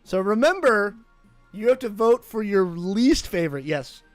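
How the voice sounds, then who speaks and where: A man's voice: high voice, sing-song, a little slow, soft background music. A man hosting a community game night, reading game events aloud with playful dramatic flair. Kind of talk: casual game night narration. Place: gaming shop.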